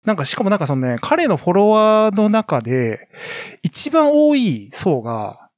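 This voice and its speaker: Podcast guy rambling along, lots of ums, pitch jumps all over, dead dry mic. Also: unhurried, no echo. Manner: lively, rambling with many fillers. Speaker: podcast co-host. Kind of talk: casual chat.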